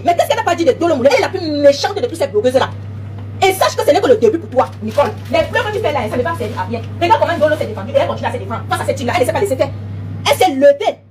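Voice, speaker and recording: A woman's voice: very high-pitched, slight background noise. Woman, commentator type, fires off a taunting rant at breakneck speed, keeps hammering the same points. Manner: emphatic, repetitive, taunting, frequent "hein?". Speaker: online commentator. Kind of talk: heated direct-address monologue.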